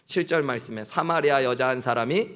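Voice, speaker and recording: A male pastor preaches a sermon in a church, speaking earnestly. His voice sits in an ordinary middle pitch. He acts out prayers and short exchanges as he goes. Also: a little fast, fairly bright tone, clear, resonant tone. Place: church sanctuary.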